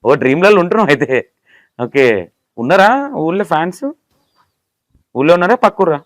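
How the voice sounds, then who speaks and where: A man's voice: a little high, expressive, brisk, no echo. A man with a Telangana accent conducting a casual interview, asking teasing, playful questions. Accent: Telangana Telugu.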